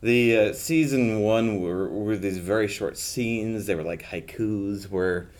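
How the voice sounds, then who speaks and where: A man with a fairly low voice talks casually about his web series. He hesitates often, filling gaps with ums and you-knows, and restarts his sentences as he goes. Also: slow pace, a little mellow. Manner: hesitant, many fillers. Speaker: show creator and director. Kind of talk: casual podcast chat.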